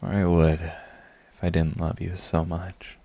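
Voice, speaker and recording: A man voices a lovestruck villain in a romantic audio roleplay, his deep, dark register kept level and slow. Beneath the pride he is tender and confessional, easily flustered, and the mood is flustered and yearning.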